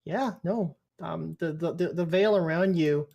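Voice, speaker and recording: A game master improvising tabletop game narration in an informal, halting way, mixed with casual chat. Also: mid-range voice, vocal fry, mellow, muffled recording.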